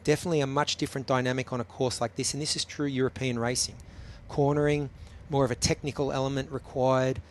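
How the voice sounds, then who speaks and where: A man in a mid-pitched voice calls a live race, breaking down the tactics in a relaxed, chatty way. Frequent ums fill the gaps between his points, and faint noise sits behind him. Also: fast talker, hardly any pauses. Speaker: race commentator. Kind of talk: live sports commentary.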